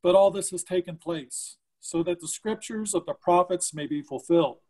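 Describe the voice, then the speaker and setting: A man's voice: high-pitched, moderate pace, dark tone. A man reading scripture aloud as part of a church dramatic reading.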